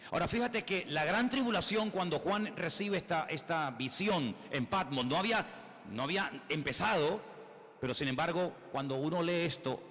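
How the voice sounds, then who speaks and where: Male pastor, Spain Spanish accent, emphatic sermon, slightly high voice, reverberant hall. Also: normal speed, fairly bright tone. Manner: emphatic preaching with rhetorical questions and repetitions.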